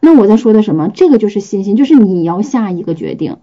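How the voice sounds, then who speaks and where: A woman's voice: mid-range voice, expressive, quick pace, warm tone. A woman preaching in a casual, conversational way, acting out little scenes and prayers as she teaches. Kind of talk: informal sermon. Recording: dull lo-fi recording.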